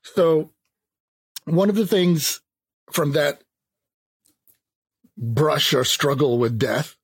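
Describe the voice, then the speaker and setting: A man in his fifties, from Jamaica, speaking as a philosopher in a thoughtful, measured interview. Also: on the high side, lively intonation, slightly rough, no echo. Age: 50s. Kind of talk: reflective interview talk.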